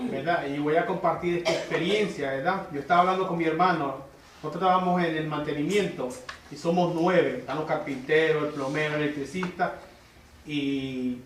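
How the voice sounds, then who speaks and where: A man's voice: fairly high pitch, a little hiss or hum. Chatty man telling a testimony, roomy hall. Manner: conversational storytelling, frequent "¿verdad?" tags. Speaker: church member sharing testimony. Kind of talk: personal testimony at Bible study. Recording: roomy church hall, distant mic.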